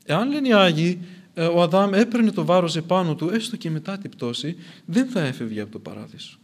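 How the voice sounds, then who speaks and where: A man's voice: sits high, sing-song. A man preaching a sermon in an earnest way, repeating phrases for emphasis as his intensity rises and falls.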